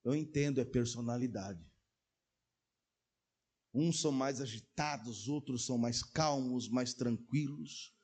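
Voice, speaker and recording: A man preaching a sermon as pastor, telling stories and acting out dialogue, swinging from quiet asides to loud exclaimed peaks. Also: mid-range voice, unhurried, breathy edge. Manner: acts out dialogue in quoted voices. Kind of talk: sermon with storytelling.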